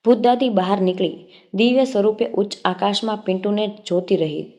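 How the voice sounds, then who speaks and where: A woman narrates a ghost tale as a storybook reading. Her voice is dark and mellow, and her pitch sits in the middle of the usual range. She keeps the same steady telling voice throughout. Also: fairly quick.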